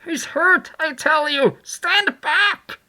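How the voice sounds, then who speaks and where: A man voicing a frantic, shouting doctor. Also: high voice, animated, takes it slowly, pitched above the performer's own voice, heavily acted. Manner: hoarse desperate shouting. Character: a frantic male doctor in a brawl.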